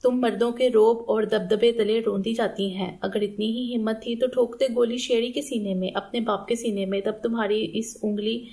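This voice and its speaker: A woman's voice: fairly high pitch, fairly even intonation, vocal fry, few pauses, warm tone. Woman reading a heartbroken young wife. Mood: anguished. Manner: pleading, reproachful questions. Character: wronged young wife, grief-stricken and accusing. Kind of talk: novel reading.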